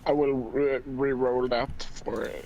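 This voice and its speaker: A man's voice: medium pitch, flat delivery, measured pace, warm tone, dull audio, slight background noise. A man playing a tabletop game, casual and blunt, swearing freely. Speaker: player.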